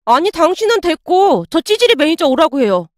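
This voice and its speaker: A woman reading the part of an arrogant young man who taunts and yells at restaurant staff, in a story narration. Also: very high voice, sing-song, a little fast, no echo, studio quality. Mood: sneering. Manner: sneering, yelling insults. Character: arrogant bullying young male customer.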